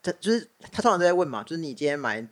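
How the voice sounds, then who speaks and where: A man's voice: on the high side, very animated, racing. A man with a Taiwanese Mandarin accent co-hosting a podcast, telling anecdotes in casual, bantering comedic chat. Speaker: podcast co-host.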